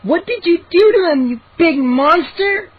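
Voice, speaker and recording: Exasperated young girl for a storybook , played by a man, pitched way up, husky, snappy and scolding. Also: expressive, unhurried, phone-quality sound, full character voice. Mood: shrill, outraged. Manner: groaning, shrieking, snappy. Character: indignant, scolding sixth-grade girl, easily exasperated. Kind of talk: children's audiobook character voice.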